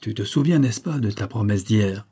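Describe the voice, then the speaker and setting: A man's voice: fairly low pitch, moderate pace, mellow, slightly rough. A man reading aloud, voicing an eager, flustered young lieutenant in an audiobook story, exclaiming and insisting. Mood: insistent.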